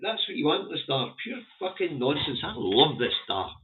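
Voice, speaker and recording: There's slight background noise as a man vlogs through the day's newspaper front pages at a moderate pace. His voice is on the high side with big pitch swings, and his casual, opinionated commentary comes out blunt, sweary and rambling in a broad Scottish accent, his first language being Scots. The recording is muffled and phone-like, with narrow-band sound.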